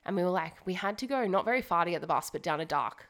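A young woman co-hosting a podcast, telling a long story in a rambling, animated way full of fillers. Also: on the low side, fast talker. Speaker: podcast co-host. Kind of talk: casual chat, storytelling. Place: home dining room.

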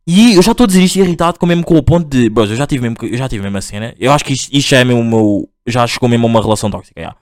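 A man's voice: mid-range voice, expressive, very fast, few pauses, dry recording, clean studio sound. A young man from Portugal, rambling slangy and exasperated through a casual storytelling monologue to his listeners.

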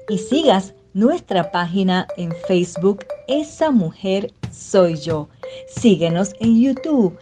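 A woman hosting a podcast, giving a measured, gentle scripted narration. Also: mid-range voice. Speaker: podcast host.

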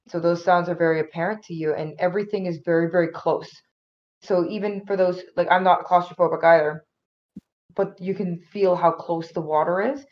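A woman's voice: fairly low pitch, steady tone, normal speed, muffled recording. A woman in a casual discussion, describing her impressions thoughtfully.

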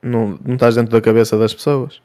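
A man with a European Portuguese accent talks in a casual, argumentative way. His pitch sits in the middle for a man, and the sound is dry, with hardly any room around it. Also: flat delivery, rapid-fire, mellow, dry recording. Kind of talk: casual conversational debate.

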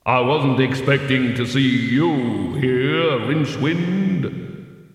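A grave, ancient male Death, calm and dry in manner. He talks with great slowness, every word measured. His hollow voice is wrapped in a long, booming reverb effect. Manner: slow, measured, unhurried. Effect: heavy echo added to voice.

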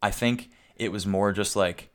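A man's voice: fairly low pitch, fairly even intonation, measured pace. A young man in casual, joking conversation, slangy and crude, peppering his talk with like and dude. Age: young adult. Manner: slangy, crude humour, says dude and like constantly.

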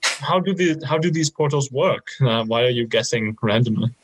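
A man playing a tabletop game, asking quick questions and thinking out loud. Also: medium pitch, lively intonation, slightly rough, no room sound, low-quality recording. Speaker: player. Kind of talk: casual tabletop game chat.

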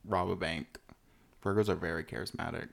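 A man co-hosting a casual podcast, animated and often restarting his sentences. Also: deep voice, a little fast, vocal fry. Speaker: podcast co-host. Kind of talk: casual chat.

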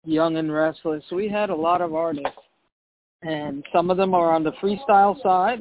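Middle-aged man on a tinny line. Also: a little high. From Puerto Rico. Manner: relaxed, chatty, many "you know" fillers. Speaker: DJ and former record label marketing director. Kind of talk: conversational interview answers. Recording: phone-like narrow audio.

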